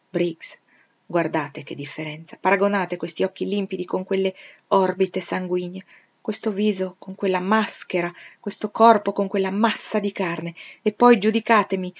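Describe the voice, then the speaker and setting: A woman reading the lines of a bitter, commanding middle-aged gentleman, raising her voice in forceful outbursts. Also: medium pitch, lo-fi sound, lightly acted.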